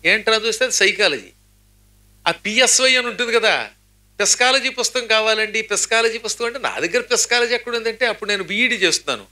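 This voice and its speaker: A man's voice: sits high, lively intonation, quick pace, bright, forceful tone. A middle-aged man giving a spiritual discourse, chanting verses and then explaining them, with humorous asides that mimic how words get pronounced. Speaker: religious speaker.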